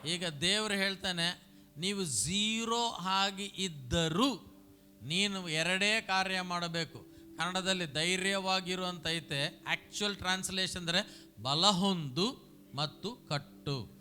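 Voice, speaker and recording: Bright-voiced pastor leading call-and-response. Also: male voice, high-pitched, slow. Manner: animated, repeats phrases and has the congregation repeat them.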